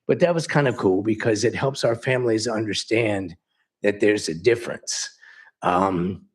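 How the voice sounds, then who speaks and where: A local music store owner presents at a council meeting, telling chatty anecdotes and acting out the quoted dialogue. His voice is lowish and breathy, at a moderate pace.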